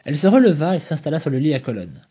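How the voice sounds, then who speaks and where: A man reads a novel aloud in a soft, measured voice. His tone is dark and very husky. The home recording sounds slightly dull. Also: a little high, big pitch swings. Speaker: reader.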